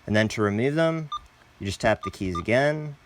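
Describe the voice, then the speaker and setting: Background noise sits behind this fairly low, expressive male voice speaking at normal speed. He's hosting a step-by-step product walkthrough in a laid-back, plain instructional style, greeting viewers as "guys."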